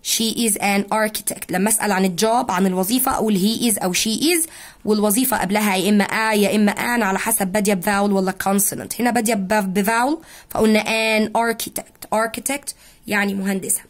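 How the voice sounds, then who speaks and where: A woman's voice: medium pitch, fairly even intonation. Egyptian woman teaching English to kids. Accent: Egyptian Arabic. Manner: switches between slow, drawn-out English words and quick Arabic explanation. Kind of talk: explaining an English lesson to children.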